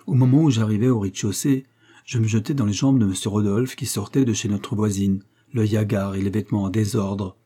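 A man reading a literary short story aloud in a measured, even storytelling manner. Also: fairly low pitch, breathy edge. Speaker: audiobook narrator. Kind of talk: literary audiobook narration.

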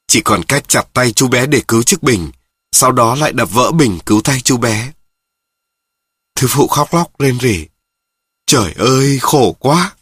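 Husky middle-aged guy reading a short story, steady and measured, dry close sound. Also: medium pitch, no room sound. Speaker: narrator.

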